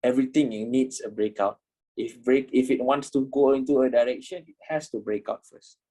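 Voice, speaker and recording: Brisk and dark-toned, this medium-pitched male voice comes through on poor audio with fairly even intonation. He's a trading instructor in his twenties closing out a casual online class, cursing, repeating points, and often tossing in "you know?"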